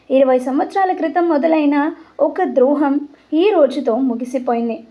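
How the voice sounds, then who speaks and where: High-voiced woman narrating a story. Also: muffled recording.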